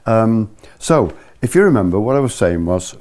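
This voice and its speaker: Older male ski instructor, low and soft-edged, patiently walking a small group through technique step by step. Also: very animated, normal speed. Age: older, about 70s. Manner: patient, methodical, repeats key points. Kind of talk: hands-on lesson explanation to a small group. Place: living room, indoors.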